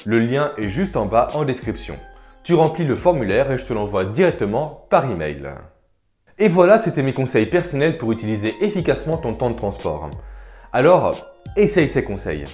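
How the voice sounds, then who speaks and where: A man talks straight to the viewer in a chatty, informal advice vlog. His pitch sits in the middle but swings up and down a lot as he explains. Quiet music plays faintly behind him. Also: big pitch swings, moderate pace. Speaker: career coach vlogger.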